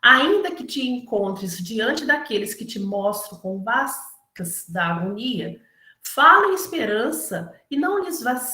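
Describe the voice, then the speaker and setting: A Brazilian woman with a Minas Gerais accent gives an earnest spiritist talk, her voice sitting fairly high. She speaks conversationally, tags her points with quick questions and acts out the people she quotes. The sound rings around an echoey lecture hall. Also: pushed and bright. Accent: Brazilian Portuguese, Minas Gerais.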